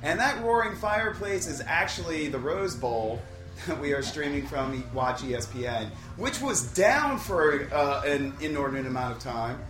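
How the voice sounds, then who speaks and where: A man's voice: on the high side, lively intonation, moderate pace, music in the background. A man hosting a casual podcast chat with a group, recorded in a living room. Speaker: podcast host. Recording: echoey living room, away from mic.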